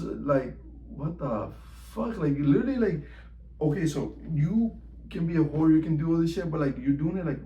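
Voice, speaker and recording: A man's voice: a little high, vocal fry, mellow, roomy sound, rough recording. A man telling a personal story in a loose, slangy way, peppered with "like" and "bro" and plenty of swearing. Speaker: vlogger. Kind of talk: casual storytime monologue.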